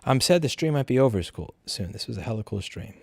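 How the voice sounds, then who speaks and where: A man's voice: medium pitch, animated, fast, gravelly, breathy edge, no room sound. A drunk man hosting a casual livestream Q&A, reading out viewer messages and answering them in a blunt, profane, argumentative way. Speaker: livestream host.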